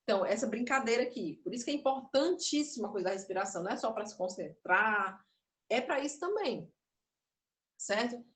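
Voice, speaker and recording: A woman's voice: on the high side, expressive, a little fast. Nervous woman teaching in an echoey room. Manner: explanatory, demonstrative, self-interrupting. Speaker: puppetry teacher. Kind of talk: online class demonstration.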